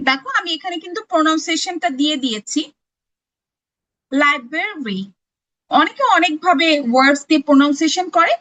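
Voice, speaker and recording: A woman's voice: high-pitched, pushed and bright, low-quality recording. A woman with a Bangladeshi accent teaching children phonics, carefully enunciating each word and explaining in Bengali. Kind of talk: slow, deliberate phonics lesson for children.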